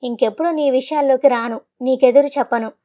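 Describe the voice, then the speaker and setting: Hurt, devoted elder son, pleading with a shaky voice, storybook tale, read by a woman, high pitch. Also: brisk, warm tone, natural voice. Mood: grieving. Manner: pleading, voice trembling.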